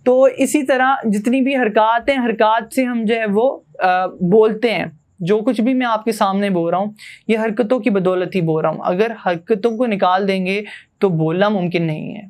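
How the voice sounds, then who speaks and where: A young man with a high voice teaches a grammar lesson in a patient classroom manner. He keeps asking his listeners rhetorical questions as he explains each point. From Pakistan. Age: young adult. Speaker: student teacher.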